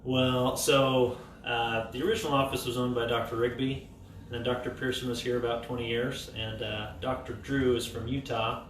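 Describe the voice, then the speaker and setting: Relaxed young man, echoey room. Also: medium pitch, normal speed, a little hiss or hum. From Idaho, United States. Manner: friendly and relaxed, with fillers. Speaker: dentist. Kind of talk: casual interview answers. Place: small dental office, indoors. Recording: echoey room, mic at a distance.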